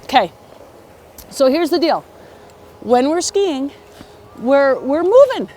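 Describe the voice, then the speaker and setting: A woman's voice: sits high, big pitch swings, slow pace, darkish tone. A woman teaching a beginner ski lesson outdoors, instructing step by step in an encouraging way and often checking in with short questions. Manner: frequent checking questions like okay and right. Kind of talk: hands-on beginner lesson talk. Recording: outdoor recording with faint background noise.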